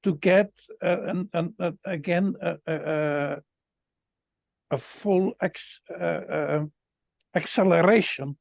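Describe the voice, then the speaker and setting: Halting, slow, creaky-voiced man. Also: a little high, dry recording. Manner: halting, repeats words while searching for phrasing. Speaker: spiritual guest speaker. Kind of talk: unscripted spiritual talk.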